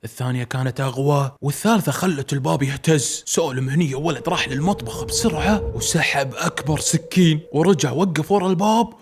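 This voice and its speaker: Chatty male storyteller who talks fast and speaks to his listeners. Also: a little high, husky. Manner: chatty, addresses listeners directly. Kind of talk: casual spoken storytelling.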